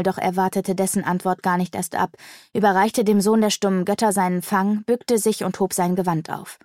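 Woman, audiobook narrator, steady storytelling, lowish voice, dry close sound. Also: no echo.

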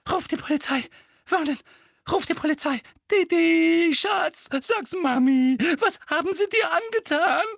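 A man reading an audiobook and voicing a shrill, frantic aunt who fusses over her son. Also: big pitch swings, moderate pace, long pauses, husky, no room sound, studio quality, heavily acted. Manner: shrieking, frantic, cooing. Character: shrill fussing middle-aged aunt, doting mother. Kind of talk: audiobook character voice.

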